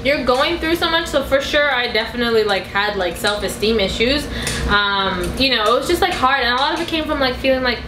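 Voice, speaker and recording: A woman's voice: high-pitched, expressive, brisk. A woman in her twenties chatting casually and candidly, peppering her talk with "like" and acting out remarks. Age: 20s. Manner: informal, frequent "like", acts out remarks. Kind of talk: casual confessional chat. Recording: echoey room, clear background noise.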